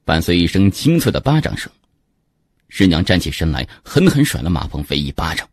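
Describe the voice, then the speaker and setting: A man narrating a dramatic story in scripted, expressive storytelling. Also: sits low, fairly quick, breathy edge, no room sound.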